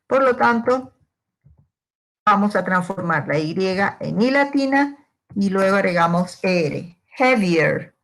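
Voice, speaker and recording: A woman walks through a grammar lesson at a deliberately slow pace. Her voice sits in an ordinary middle register. She is patient and poses questions to her students, then answers them herself. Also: medium pitch, animated, a bit bright. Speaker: English teacher.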